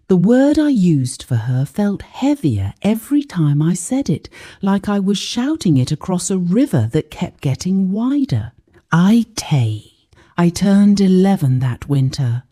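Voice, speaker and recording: Slow, dark-toned woman storyteller. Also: on the low side. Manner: slow, hushed and dramatic. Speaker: narrator. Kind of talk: scripted storybook narration.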